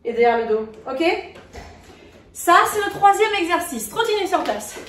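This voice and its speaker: A high-voiced woman leads a workout, counting out reps and cheerfully checking on her class as she exercises. She sounds a little distant from the mic in an echoey indoor room, with faint ambience behind her. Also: big pitch swings, normal speed, slight background noise. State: moving while exercising. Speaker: fitness coach. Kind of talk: live workout instruction.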